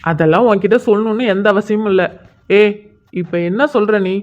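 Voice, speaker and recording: Lady voicing a bossy teasing college senior guy, mid pitch, a bit muffled, cartoon. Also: fairly quick, a little mellow, lightly acted. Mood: taunting. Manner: taunting, bossy. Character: cocky young male senior who pesters a girl.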